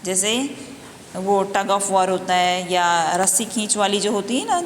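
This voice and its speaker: Slow, patient woman teaching a class. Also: medium pitch. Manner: slow, patient, spelling words out and repeating them. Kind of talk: Hindi grammar lesson for young children. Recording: echoey room, faint background noise.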